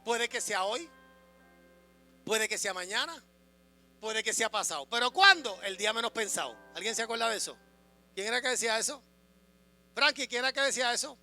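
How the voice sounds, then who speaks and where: A man preaching a sermon as a pastor, swinging between loud proclamation and quiet asides, asking the congregation questions. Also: very high voice, lively intonation, a little fast, pauses often. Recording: music and mains hum behind.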